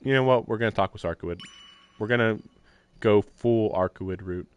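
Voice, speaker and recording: On a live stream with faint game music, a man plays through a visual novel, reading its lines and musing aloud with wry, self-deprecating asides in casual let's-play fashion. His voice is lowish, clear and resonant, and he moves at a moderate pace, though the audio sounds dull.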